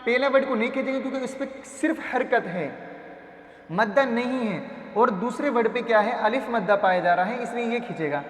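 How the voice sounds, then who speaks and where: In a patient, step-by-step phonics lesson, a man with a very high voice teaches Quran reading, drilling syllables individually and answering his own questions. He slowly draws out the long vowels, and long echo makes it sound like a big hall.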